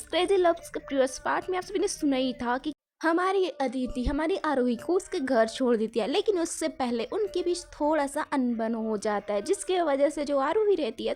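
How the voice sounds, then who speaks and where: A woman's voice: high-pitched, animated, a little slow. A woman hosting her channel and narrating an audio story in a chatty way, mixing English words and fillers. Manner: chatty, mixes English into Hindi, many fillers.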